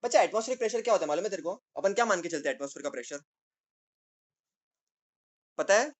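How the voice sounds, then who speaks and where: A man's voice: high voice, expressive, fast talker. A young man teaching chemistry in a casual, playful way, repeating key words and joking with his students. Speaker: chemistry tutor. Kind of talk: casual classroom lecture.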